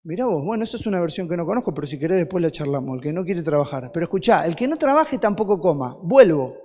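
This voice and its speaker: High-voiced Rioplatense preacher in a reverberant hall. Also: male voice, racing. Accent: Rioplatense Spanish. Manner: animated, rhetorical questions to the congregation. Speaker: guest preacher. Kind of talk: sermon.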